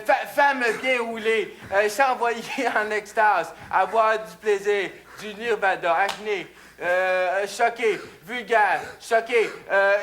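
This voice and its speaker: A man's voice: high-pitched, bright, forceful tone, slight background noise, full character voice. A man playing a flustered Québécois male contestant in a comedy sketch, blurting random guesses with many hesitations. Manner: hesitant, filler-heavy guessing.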